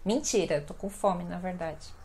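A woman teaching a lesson, explaining slowly and repeating example sentences, often adding "né". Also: lowish voice, very noisy. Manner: frequent tag questions "né". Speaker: Portuguese teacher. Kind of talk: online language lesson.

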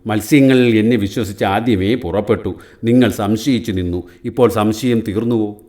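A man's voice: fairly low pitch, moderate pace, a little mellow, lightly acted. A man voicing a cunning old male heron who weeps false tears and schemes in a pleading tone. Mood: gloating.

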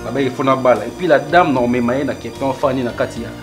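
A man playing a lovesick excitable young man. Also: medium pitch, fast, lightly acted. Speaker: actor in Congolese theatre comedy. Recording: music behind the voice.

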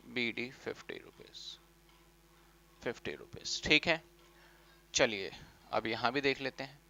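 A man giving a classroom lecture on accounting, animated, asking questions and answering them himself. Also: medium pitch, vocal fry. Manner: speaks as the accounts in first person. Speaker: commerce teacher.

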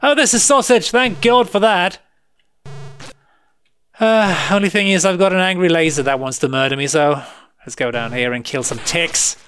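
A man's voice: on the high side, fairly bright tone, slight background noise. A man giving live commentary while playing a retro game, grumbling sarcastically and laughing at his own frustration. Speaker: retro gaming video host.

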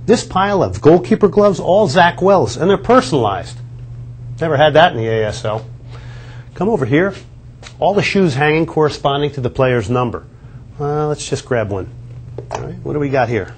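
Medium in pitch, very animated and at a normal speed, with a little background noise. This man is a sports TV host on a lapel mic, touring an indoor locker room and its hallways, cheerfully chatting and pointing out features as he walks.

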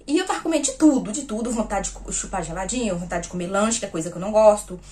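A woman vlogger talks casually to her viewers in a voice of middling pitch, neither high nor low. She tells a personal story and acts out each exchange she retells. The tone is informal and conversational throughout. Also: lively intonation, fast talker, darkish tone. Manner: talks straight to viewers as "gente". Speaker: vlogger sharing personal news.

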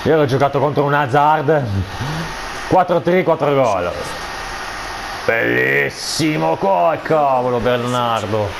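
A man giving excited football video game commentary, explosive and foul-mouthed, cursing between shouted player names. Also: medium pitch, takes it slowly, gravelly, noisy background.

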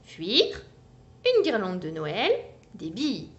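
Animated sing-song woman reading to kids. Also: mid-range voice, takes it slowly, highs cut off. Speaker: children's story reader. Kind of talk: reading a picture book aloud for children.

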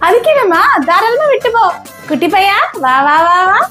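A woman playing a mother in a family comedy skit, scolding and sharp-tongued. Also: extremely high pitch, expressive, moderate pace, loud music behind the voice.

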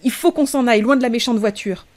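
A woman's voice: a little high, fast talker, darkish tone, pitched above the performer's own voice, natural voice. A woman voicing a brave, bossy six-year-old girl who speaks firmly. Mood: firm anxious. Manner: firm, insistent.

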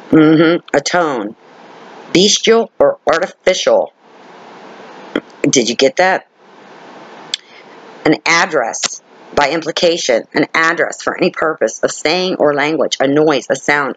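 A man's voice: fairly high pitch, expressive, a little slow, pauses often, a bit bright, rough recording. Man teaching scripture, checking in often. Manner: repeats key words and checks in with listeners; reads scripture aloud, then explains it. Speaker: Bible teacher. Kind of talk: informal Bible study teaching.

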